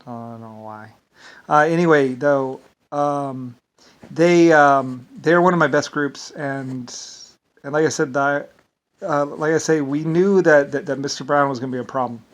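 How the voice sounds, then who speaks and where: Unhurried and on the high side, an American man with an Irish-flavored lilt drifts through a rambling, casual monologue, often falling back on "basically."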